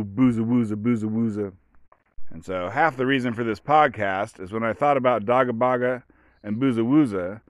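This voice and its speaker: A man's voice: fairly low pitch, a bit bright, clear, resonant tone, dry recording, studio quality. A man hosting a casual solo podcast, talking in a rambling, meandering way full of restarts and asides. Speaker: podcast host.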